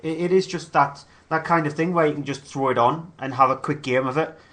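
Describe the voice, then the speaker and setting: A man's voice: a little high, brisk, fairly bright tone. A man on a podcast panel, chatting in a rambling, easygoing way. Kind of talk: casual chat about games.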